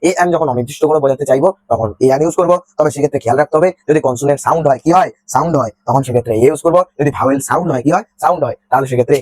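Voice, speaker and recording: A man's voice: medium pitch, rapid-fire, hardly any pauses, a little mellow, no echo. A young man teaching a grammar lesson, explaining step by step, repeating words and answering his own questions.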